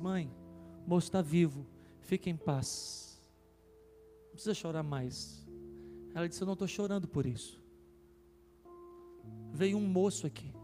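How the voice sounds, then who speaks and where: A man preaching as a pastor, telling a story with emotion and rising intensity at its peaks. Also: high-pitched. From Brazil. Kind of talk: sermon testimony. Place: church hall. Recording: reverberant church hall with soft music.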